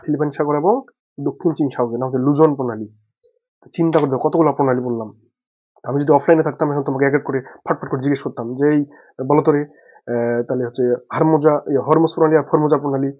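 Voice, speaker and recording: A man's voice: fairly high pitch, steady tone, rapid-fire, a little mellow. A man teaching a geography lesson for exam study from a map, asking questions and answering them himself. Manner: has the listener say names aloud. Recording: dull lo-fi recording.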